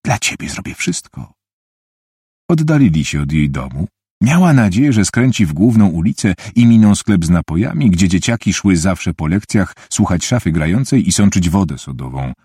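A man narrating an audiobook in a measured storytelling manner, with a husky voice, recorded on a close mic. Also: deep voice, sing-song, mellow, no echo. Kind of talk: scripted narration.

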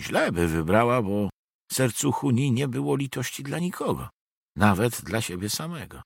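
A man reading a historical novel aloud as an expressive audiobook narrator. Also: mid-range voice, normal speed, creaky, breathy edge, dry recording, studio quality. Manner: expressive storytelling.

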